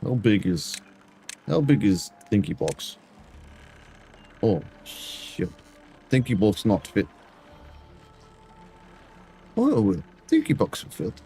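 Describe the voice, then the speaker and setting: Speaking slowly with frequent pauses, this streamer uses a low, dark voice whose pitch swoops wildly. He plays a building game and talks casually to chat as a mock Eastern European dictator in broken English without articles, faint music underneath.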